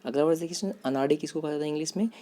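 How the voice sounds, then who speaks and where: Man, teacher, vocabulary lesson, spells and repeats each word, talks to students, warm mellow tone. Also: a little high, rapid-fire. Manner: spells words letter by letter and repeats them; addresses students directly, with hesitant fillers.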